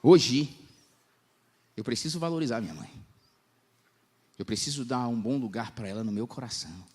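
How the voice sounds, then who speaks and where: A young man preaching at a church congress, telling lively stories in slangy talk and acting out the voices he quotes. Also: mid-range voice, moderate pace, breathy edge. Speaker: pastor. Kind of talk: lively storytelling sermon.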